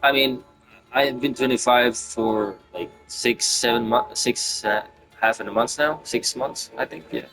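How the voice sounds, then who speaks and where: A man in his twenties talking in a casual, reflective monologue, rambling and halting with many fillers and restarts. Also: mid-range voice, over music, rough recording. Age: 20s. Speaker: gaming video creator.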